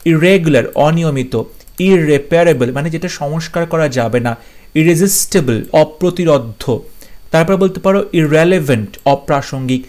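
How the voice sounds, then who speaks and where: A man teaches English vocabulary, running through words one after another with quick meanings and checking that his students follow along. His voice is a little high and a little mellow.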